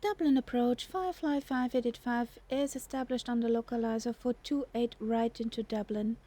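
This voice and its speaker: A woman with a fairly high, mellow voice plays pilot on a flight simulator. She reads back clearances in radio phraseology and drops into casual asides. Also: fairly even intonation, moderate pace, slight background noise.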